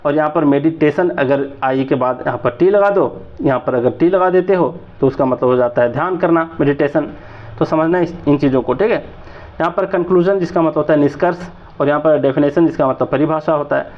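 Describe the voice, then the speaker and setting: A man's voice: fairly high pitch, a little fast. A man in his thirties with a Jharkhand accent, teaching exam vocabulary in a chatty way and often checking that his listeners follow. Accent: Jharkhand Hindi. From Jharkhand, India. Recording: slightly dull lo-fi recording.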